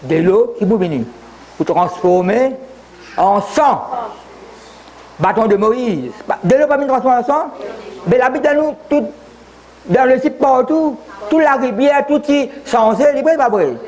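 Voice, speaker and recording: A man's voice: very high voice, animated, unhurried, darkish tone. A man in his seventies, a pastor from Mauritius, preaching a sermon with many repetitions and asides. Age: 70s. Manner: preaching with repetitions, switching briefly into English.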